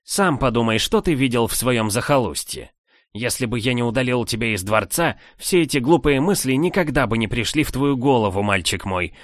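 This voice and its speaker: A man's voice: medium pitch, lively intonation, a little fast, dry recording, clean studio sound, voice pushed up, lightly acted. A man voicing an angry, domineering older king who scolds his nephew in a raised voice. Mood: indignant.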